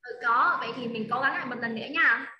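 A woman tutor with a high, bright voice leads a child through English drills. She is patient and coaxing, saying words over and over. The sound comes through a video call from a room with a noticeable echo. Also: fast talker, lo-fi sound, a little hiss or hum. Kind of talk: one-on-one online lesson with a child.

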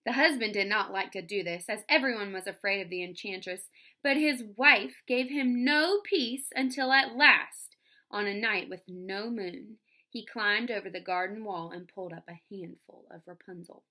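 A woman's voice: medium pitch, normal speed, bright, forceful tone. A woman teacher reading a fairy tale aloud to young children, stopping to explain words and ask the class questions. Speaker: first-grade teacher.

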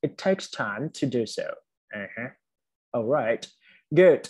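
A man lecturing an online class through his computer microphone, talking at a medium pitch. He is chatty and keeps his students going with encouragement. His speech hops between two languages within one sentence. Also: very animated, very slow, darkish tone, breathy edge. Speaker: university English lecturer. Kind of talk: online class teaching test English. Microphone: computer mic on an online video class.

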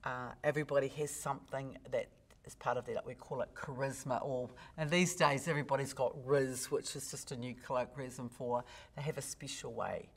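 A woman's voice: fairly quick, husky. A woman speaking coach, explaining technique in a podcast interview and acting out her examples. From New Zealand. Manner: expressive, demonstrates pitch with big vocal swings.

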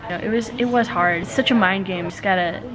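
A woman's voice: medium pitch, quick pace, poor audio. A young woman vlogging outdoors at a wooded campsite with a handheld camera at arm's length, talking in a candid, chatty, self-deprecating way. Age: young adult. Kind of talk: casual vlog. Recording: outdoor camp noise, crowd behind.

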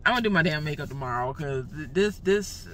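A woman's voice: sits low, fast talker, a little hiss or hum. Slurring woman with a numb mouth. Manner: slurred, laughing at herself, expressive and profane. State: numb swollen mouth after dental work, slurred speech. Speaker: vlogger. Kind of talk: casual vlog rant. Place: in her car.

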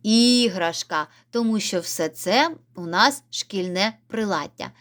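A woman's voice: medium pitch, slow pace, fairly bright tone. A woman teaching a video reading lesson to young children, encouraging them and stretching out key words. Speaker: primary school teacher. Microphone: camera set up by herself.

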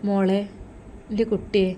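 A frail old father from a storybook, soft and pleading, his words coming a touch low and quick, as a woman narrator puts him on. His voice has a mellow, warm color. A faint hiss sits under it. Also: flat delivery, close to an everyday voice. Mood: weak, tender. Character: ailing elderly father, tender and worried.

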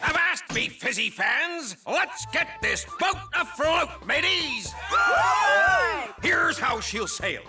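A man's voice: sing-song, takes it slowly, raised voice, over loud music, exaggerated voice. An actor voicing a boisterous male pirate captain for a cartoon, talking in showy pirate speech like an announcer. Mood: hearty. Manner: booming pirate talk, theatrical announcer. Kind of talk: cartoon voice acting.

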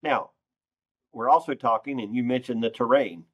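This farm organization president, interviewed by video call, answers in a sincere, unpretentious way; his medium-pitched voice is slightly rough and moves at a moderate pace. He speaks into a computer mic in a wood-paneled conference room.

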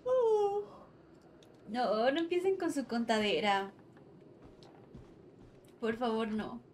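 A woman's voice: a little high, lively intonation, slow, darkish tone, slight background noise. A woman with a Mexican accent giving nervous, jumpy commentary while playing a horror game live and talking to her viewers.

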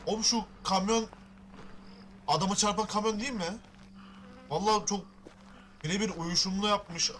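A young man giving casual reaction commentary, with loud startled exclamations and constant swearing. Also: high voice, steady tone, moderate pace, pauses often, slight background noise. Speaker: reaction video creator.

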